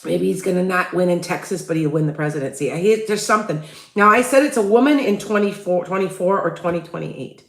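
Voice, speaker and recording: A creaky, fairly low female voice speaks fast, captured in roomy, poor-quality audio. The Midwestern host, with a Chicago accent, runs a casual psychic livestream full of rambling, restarted sentences and requests for viewer tips.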